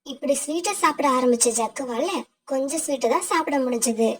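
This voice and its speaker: A woman narrating a children's cartoon story in a steady, explanatory way. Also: high-pitched, fairly quick.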